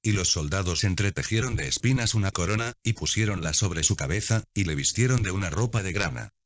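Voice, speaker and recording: A man reading scripture aloud in a measured, steady way, as scripted narration. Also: sits low, no room sound. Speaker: Bible reader. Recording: dull, dry lo-fi recording.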